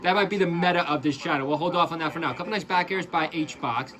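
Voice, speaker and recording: A man giving casual, excitable play-by-play commentary over fighting game footage, breaking off into chatty asides to his viewers. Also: a little high, quick pace, a crowd in the background. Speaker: esports commentator and channel host.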